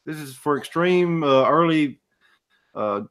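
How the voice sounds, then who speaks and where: Upbeat higher-voiced man on a call. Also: animated, measured pace, a bit bright, clean tone. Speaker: regular on a beer review show. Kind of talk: casual chat on a live video call. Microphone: video call.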